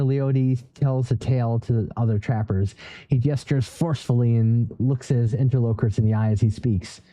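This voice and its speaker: A man's voice: mid-range voice, mellow, no room sound, rough recording. A man narrating a solo role-play journal in first person, reading aloud with small stumbles and self-corrections.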